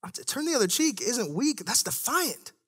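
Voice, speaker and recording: A man's voice: extremely high pitch, big pitch swings, brisk, breathy edge. A man preaching a sermon to young adults, chatty and laughing at his own stories, then rising into an emphatic preaching cadence.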